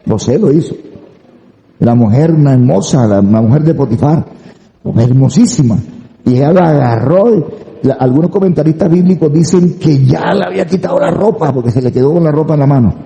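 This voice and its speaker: A male pastor preaching a sermon, telling stories in an animated way and acting out the voices of the people he quotes. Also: on the high side, brisk, creaky, roomy sound, in a large hall, rough recording. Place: church sanctuary.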